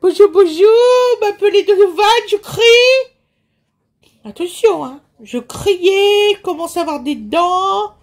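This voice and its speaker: A woman putting on the voice of her teething baby boy, announcing himself slowly and proudly. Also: extremely high pitch, expressive, voice pushed up, exaggerated voice. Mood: playful.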